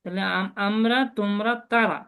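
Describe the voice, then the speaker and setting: A woman's voice: medium pitch, steady tone, fairly bright tone, clean tone. Patient woman teaching Chinese pronunciation. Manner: patient, slow repetitive drilling of sounds. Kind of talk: online language lesson with repetition drills.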